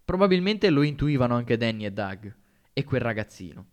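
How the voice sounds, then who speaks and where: A man's voice: medium pitch, very animated, moderate pace. A man narrating a story in the first person, audiobook style, with a wry, dry humor.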